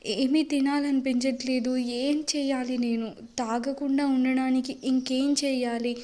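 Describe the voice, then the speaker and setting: A woman's voice: sits high, level tone, a little slow, darkish tone. A woman narrator voicing a tearful young wife who pleads through sobs in an audio love story. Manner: sobbing, pleading delivery. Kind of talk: audiobook character reading.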